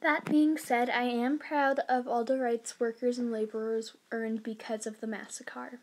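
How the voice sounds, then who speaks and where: A woman's voice: on the high side, little pitch movement, a little slow, slight background noise, low-quality recording. A woman giving a school history presentation, reading earnestly and plainly aloud.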